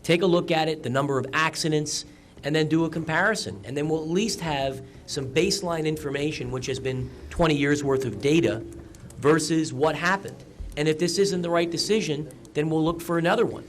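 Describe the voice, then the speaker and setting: A man's voice: a little high, a little fast. A man chairing a town council meeting, politely thanking speakers and explaining the process with some stammering.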